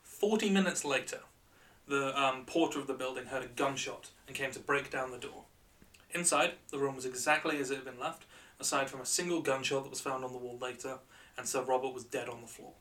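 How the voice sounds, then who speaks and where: A man hosting a show as a bright, curious, joking presenter, telling stories in a light-hearted, conversational way. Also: mid-range voice, brisk, far from the mic. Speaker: podcast and radio show host.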